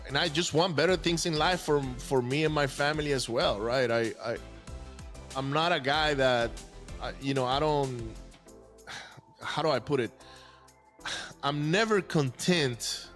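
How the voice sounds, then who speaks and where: Halting man telling his story. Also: a little high, a bit bright. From Venezuela. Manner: halting, many restarts and repeated words. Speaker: podcast guest. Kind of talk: casual conversational storytelling.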